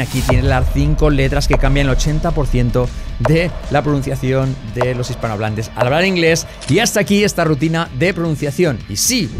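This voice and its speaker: A man who speaks Spanish natively, teaching English pronunciation in a lesson and drilling words in threes for the viewer to repeat. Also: a little high.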